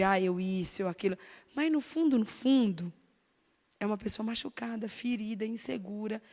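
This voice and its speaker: A woman with a Brazilian Portuguese accent giving an animated, emphatic talk on stage, sharing her own story. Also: on the high side. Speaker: speaker sharing testimony. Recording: long hall reverb.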